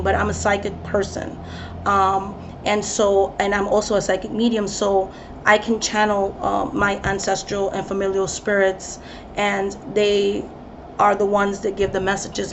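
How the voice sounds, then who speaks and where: Talking to camera in a chatty, casual way, this tarot reader in her thirties often says um and starts over. Her voice is medium in pitch, and the slightly dull recording carries faint ambient noise.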